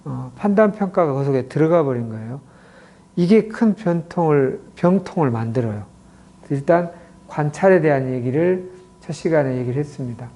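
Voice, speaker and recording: Speaking to a crowd about communication, a middle-aged clinic director uses a fairly high, mellow voice. He takes his time explaining and dramatizes many illustrative quotes.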